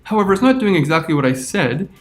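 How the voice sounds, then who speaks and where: A man teaching a screen-recorded software tutorial, talking through each step as he clicks. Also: fairly high pitch, big pitch swings, quick pace, soft background music.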